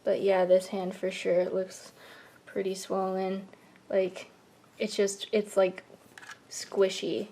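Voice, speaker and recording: A woman's voice: mid-range voice, monotone, slow pace, pauses often, warm tone. A young adult woman with an American accent talking casually on a home vlog. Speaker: vlogger and caregiver. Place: room at home.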